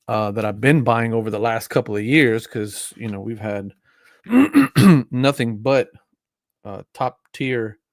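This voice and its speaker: A man in his early forties hosts a casual live stream chat, rambling loosely with frequent fillers and restarts. His voice is fairly low, and the recording is dry and close.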